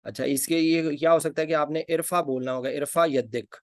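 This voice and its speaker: A man's voice: fairly high pitch, steady tone, fairly quick, dry recording, clean studio sound. A man giving an informal spoken lesson. He hesitates often, uses many fillers, and repeats key words. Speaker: anesthesia teacher.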